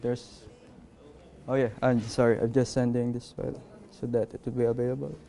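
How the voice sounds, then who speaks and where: A man presenting a live coding workshop, halting and apologetic, with many fillers. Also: medium pitch, flat delivery, creaky, mellow. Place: conference workshop room.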